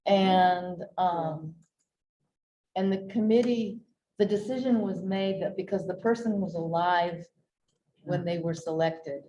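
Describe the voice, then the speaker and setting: A woman leading a casual book club discussion, haltingly searching for her words. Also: on the low side, mellow. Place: indoor room at a book club meeting. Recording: dull recording with faint noise.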